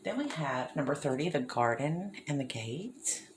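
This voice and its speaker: A woman's voice: low voice, big pitch swings, measured pace, background noise. A woman giving a casual tarot reading, chatty and often checking in with the listener. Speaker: tarot reader. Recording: echoey room.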